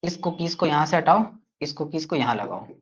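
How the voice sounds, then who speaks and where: A man's voice: fairly high pitch, animated, fairly quick, muffled recording. A man teaching an online grammar class, playful and teasing his students as he explains. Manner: addresses students fondly as kids.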